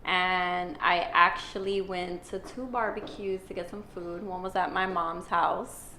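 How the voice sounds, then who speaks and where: A woman's voice: fairly low pitch, fairly even intonation, a little slow, sharp tone, slight background noise. A woman guest on a podcast, chatting casually about her weekend. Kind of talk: casual chat.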